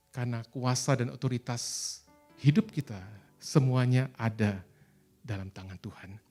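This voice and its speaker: A man's voice: mid-range voice, darkish tone. A man with an Indonesian accent preaching a sermon as pastor, earnest and exhorting, telling stories.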